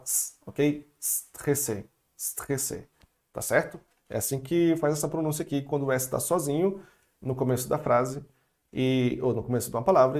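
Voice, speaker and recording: A Brazilian man teaching French vocabulary in a relaxed, chatty video lesson, stretching out words for learners to repeat. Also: a little high. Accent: Brazilian Portuguese.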